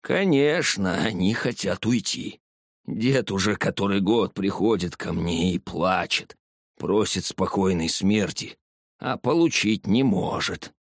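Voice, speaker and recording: A man voicing a stern old village herbalist woman who talks curtly and hoarsely in an audiobook. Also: sits low, lively intonation, dry recording, clean studio sound, exaggerated voice. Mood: weary. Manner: curt, slow and commanding.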